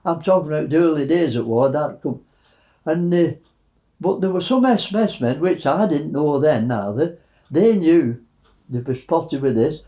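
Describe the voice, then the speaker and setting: A man in his nineties, a war veteran recounting wartime memories in a halting way, with many fillers. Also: fairly high pitch, lively intonation, warm tone, low-quality recording. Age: 90s.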